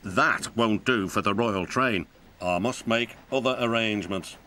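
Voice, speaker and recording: A man's voice: lowish voice, measured pace, slight background noise. A man voicing a stern, pompous railway boss. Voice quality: formal, commanding. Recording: narration over loud music.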